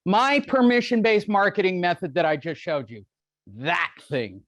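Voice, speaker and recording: A man's voice: high voice, moderate pace, a bit bright, no room sound, clean studio sound. A man coaching a real estate seminar in a brash, joking, profane way. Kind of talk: live seminar teaching.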